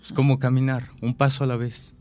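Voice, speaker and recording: A man's voice: medium pitch, flat delivery, fairly quick, dark tone, soft background music. A man, an actor and director, explaining his ideas thoughtfully with examples and rhetorical questions. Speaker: actor and director, interview guest. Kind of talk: reflective interview talk.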